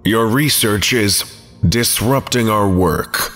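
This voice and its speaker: A man's voice: lowish voice, slow pace, a bit bright, faint music behind. A man reading the lines of a solemn hazmat-suited humanoid entity in a grave, clipped, matter-of-fact way.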